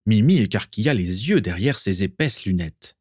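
A man narrating a fan fiction audiobook in a measured storytelling manner. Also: on the low side, lively intonation, a little mellow, husky, dry recording, studio quality.

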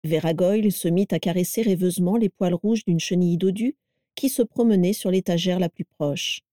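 A woman narrating a storybook audiobook in an even, expressive reading voice. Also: fairly low pitch, moderate pace, dry recording, clean studio sound.

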